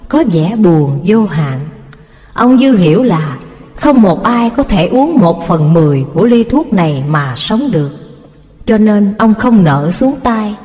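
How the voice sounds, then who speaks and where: A woman's voice: medium pitch, mellow, long reverb tail. A woman narrating a story expressively, reading out the characters' lines. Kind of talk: scripted narration.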